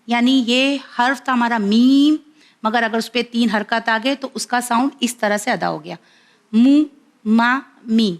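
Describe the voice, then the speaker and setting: A woman teaching a children's lesson, explaining quickly and then drawing out syllables slowly for the children to repeat. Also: on the high side, creaky. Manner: brisk explaining, slow drawn-out syllable drills. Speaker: Quran reading teacher. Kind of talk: children's lesson on vowel marks.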